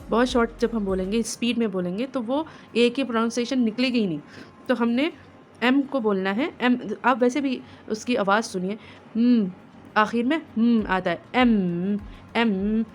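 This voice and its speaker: A woman teaching parents phonics, drawing out each letter sound slowly and patiently as she explains how to blend them. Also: fairly high pitch, slight background noise. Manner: slow, drawn-out sounding of letters. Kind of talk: home phonics lesson.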